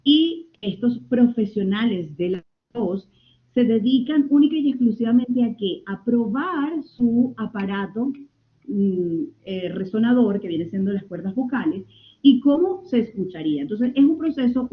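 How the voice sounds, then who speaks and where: A woman's voice: on the high side, animated, unhurried. A woman giving a communication lecture online. She talks expressively and shifts her tone and pace to demonstrate. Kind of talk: online lecture answering questions. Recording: tinny phone-like audio.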